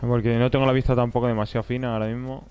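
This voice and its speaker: Excitable streamer man, cursing as he plays. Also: medium pitch, very fast, highs cut off, slight background noise. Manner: excitable, swears, talks to himself. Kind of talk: live gameplay commentary.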